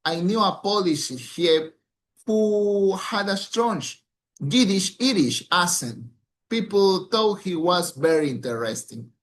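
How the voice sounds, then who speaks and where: A man's voice: high-pitched, expressive, slow pace, slight background noise. A man who is an English language student gives a recited exam presentation, speaking carefully with small slips and restarts.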